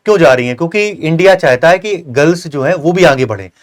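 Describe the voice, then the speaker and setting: A man's voice: fairly high pitch, animated, fast. A young man hosting an interview, giving earnest, repetitive advice full of fillers. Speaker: host of a coaching channel. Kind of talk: interview with a successful candidate.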